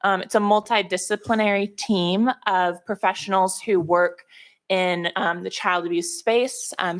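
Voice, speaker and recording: A woman with a somewhat low voice explains things in a semi-formal briefing. She speaks as a staff presenter at a public meeting. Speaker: state commission staff member presenting.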